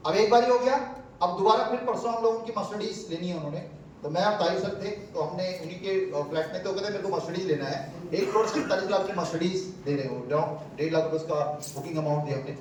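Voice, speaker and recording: A man's voice: high-pitched, fairly quick, darkish tone. Man, storytelling seminar talk, acts out callers' voices, heard from across a big echoing hall with faint hiss. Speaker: speaker at a crypto seminar. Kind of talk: lively talk to an audience with anecdotes. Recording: echoey hall from far off, faint noise.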